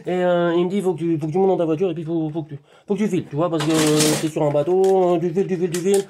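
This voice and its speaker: A man, a hypnotherapist vlogger from France, talking to camera from his garden in a rambling, animated monologue that repeats itself and speaks to the viewer as a close friend. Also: a little high, fast, background noise.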